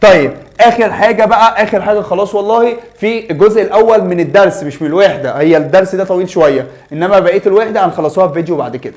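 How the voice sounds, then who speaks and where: A man's voice: high-pitched, rapid-fire, few pauses, darkish tone. A young man with an Egyptian Arabic accent teaching a math lesson in a chatty way, asking his students questions and answering them himself.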